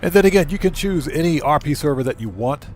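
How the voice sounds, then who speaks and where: A channel host streams games from his room at home, talking conversationally to viewers while playing and responding to comments he reads from chat. He has a fairly high, expressive voice, talks at a quick pace, and there's a little hiss or hum.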